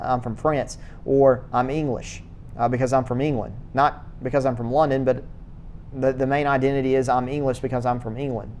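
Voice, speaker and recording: In a classroom, a man with a mid-range, slightly mellow voice lectures on church history, speaking haltingly with repeated words and pauses for uh and um while he thinks. A faint, low rumble hums in the background.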